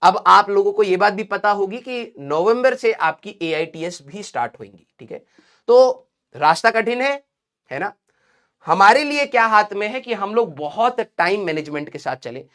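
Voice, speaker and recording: A man's voice: sits high, animated, moderate pace, bright, forceful tone. Man coaching exam kids, talks like a dad, blunt and repetitive, keeps hammering the same points. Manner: fatherly and direct, calls students 'beta', repeats key points. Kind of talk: motivational lecture to students.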